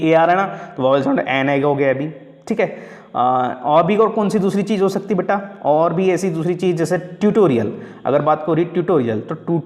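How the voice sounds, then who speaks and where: A male English tutor with an Indian accent, explaining grammar in Hindi mixed with English and patiently asking and answering his own questions. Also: high voice. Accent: Indian, Hindi-English mix. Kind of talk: exam-prep grammar lecture. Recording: long hall reverb.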